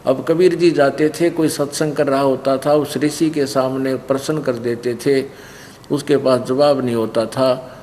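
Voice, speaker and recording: A man with a Haryanvi accent, a spiritual teacher telling a story in an animated sermon. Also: medium pitch, unhurried. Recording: long hall reverb, faint noise.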